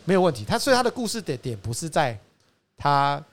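Fast-talking Taiwanese Mandarin man. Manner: animated, acts out customers and his father with rising pitch and laughter. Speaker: used car dealer. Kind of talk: casual storytelling chat.

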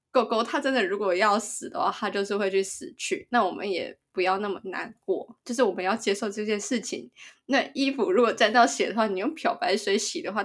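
A woman co-hosting a podcast, telling stories in casual chat with lots of giggling. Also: mid-range voice. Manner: giggly, animated storyteller. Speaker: podcast co-host.

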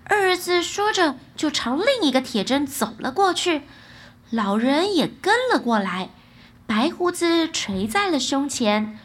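A woman narrating a children's bedtime fairy tale in a lively, expressive way. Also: high voice, measured pace. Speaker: storyteller.

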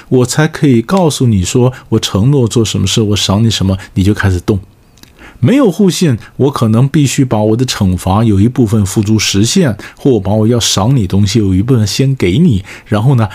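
A man's voice: on the low side, a little mellow, breathy edge. A man with a Taiwanese Mandarin accent giving a spoken lecture on negotiation, often asking the listener rhetorical check-in questions.

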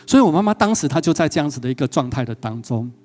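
Male pastor, storytelling sermon, asks the audience questions, soft music underneath. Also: fairly high pitch, very animated, very fast.

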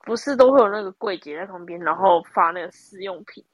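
A woman chats on a podcast in a quick, lively way as she tells a short story of her own. She speaks at a brisk pace. The recording is dry and a little dull and muffled. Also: on the low side, no echo. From Taiwan. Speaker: podcast co-host. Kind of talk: casual chat.

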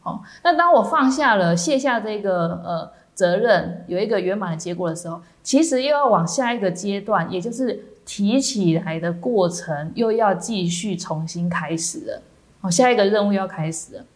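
Buddhist nun, Taiwanese Mandarin accent, dharma talk, measured delivery, soft fillers throughout. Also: female voice, medium pitch, animated.

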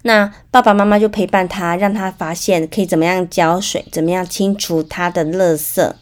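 A woman's voice: fairly low pitch, fairly even intonation, normal speed. Chatty Taiwanese woman podcaster. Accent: Taiwanese Mandarin. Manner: storytelling, chatty, many fillers. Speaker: podcast host. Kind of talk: parenting podcast monologue.

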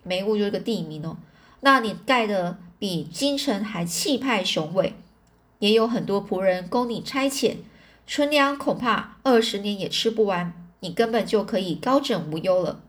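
A woman's voice: medium pitch, lively intonation, normal speed, close to an everyday voice. A woman reading a storybook, voicing a powerful older male warlord who is possessive and commanding. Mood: boastful. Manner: blustering, commanding.

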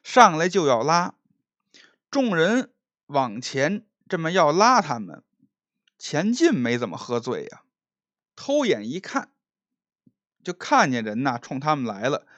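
A man tells a traditional story. He speaks slowly and lets his pitch rise and fall widely, with chatty asides to his listeners. The recording is close and dry. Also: sing-song, fairly bright tone, no room sound, lo-fi sound.

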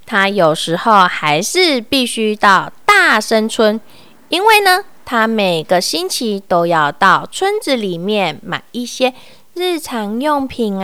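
A woman reads a children's story aloud in an expressive, sing-song manner. Her voice is high, bright and clear, and she takes an unhurried pace. The sound is dry and close. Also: dry recording.

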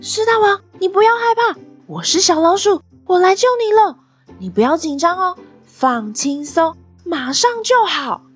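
A woman voicing a timid little male mouse in a bedtime story, stammering and high. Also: expressive, normal speed, soft background music. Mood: reassuring.

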